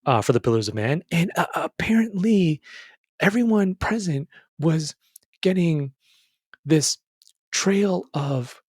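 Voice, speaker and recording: A man's voice: a little high, expressive, husky, no room sound, studio quality, full character voice. A man voicing a mock-serious male TV news anchor who stumbles and stalls through his report. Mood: mock-solemn. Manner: stumbling, halting newsreader delivery.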